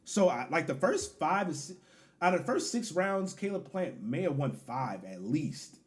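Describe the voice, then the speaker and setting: A man's voice: fairly high pitch, unhurried. A man co-hosting a podcast, breaking down a boxing match in casual slang. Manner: animated fight breakdown, loose slang. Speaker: podcast co-host. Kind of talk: casual sports chat.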